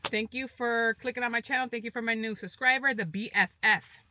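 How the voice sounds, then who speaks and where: Bright, chatty woman in her forties. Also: on the high side, steady tone, fairly quick, no room sound. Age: 40s. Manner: motivational, chatty and upbeat, repeats herself. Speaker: fitness vlogger. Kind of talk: casual vlog chat to camera.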